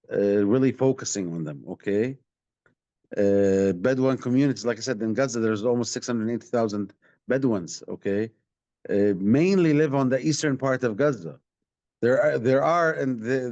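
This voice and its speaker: A Palestinian man from the West Bank, an activist who directs a community rights organisation, answers audience questions in a live online talk over a video call. He speaks with an Arabic accent, halting and often repeating himself, in a mid-range, darkish voice. The stream sounds dull and lo-fi, with no echo.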